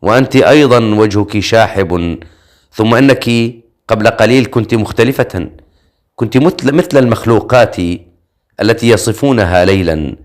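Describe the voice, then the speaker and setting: A man's voice: fairly low pitch, expressive, normal speed, pauses often, lightly acted. A man reading an audiobook voices a frightened young woman who speaks in a trembling, fearful way. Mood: hushed.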